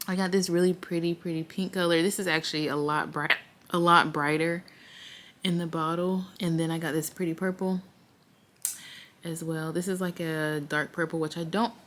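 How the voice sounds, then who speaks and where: A woman in her late twenties chatting casually to her viewers in a vlog, upbeat and talkative. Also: on the low side. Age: late 20s. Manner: chatty, upbeat, says "y'all". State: has the hiccups. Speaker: vlogger.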